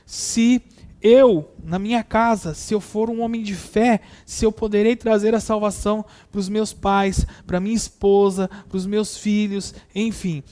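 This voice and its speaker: A man preaching a sermon, reading scripture aloud and repeating verses, stretching key words and hitting them with sudden loud stresses. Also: sits high.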